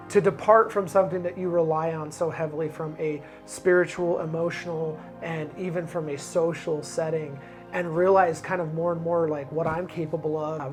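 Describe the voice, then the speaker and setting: A man speaking in a reflective, measured way in a confessional interview, with small hesitations. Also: fairly high pitch. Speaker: reality show contestant.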